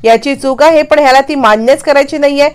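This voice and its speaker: Stubborn sharp-tongued young woman, read by a narrator. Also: high-pitched, fairly quick, close to an everyday voice. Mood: defiant, scolding. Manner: defiant, scolding.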